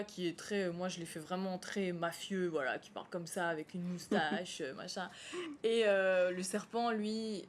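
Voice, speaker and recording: A woman's voice: lowish voice, slight background noise. A woman, a stage actress, answers interview questions in a TV studio, hesitant and full of fillers and restarts.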